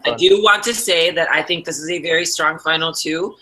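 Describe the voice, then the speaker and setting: Casual game show host: a man with a Wisconsin accent, slightly high, very bright tone, chatty and rambling. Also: steady tone, a little fast, low-quality recording. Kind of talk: hosting a livestreamed game show.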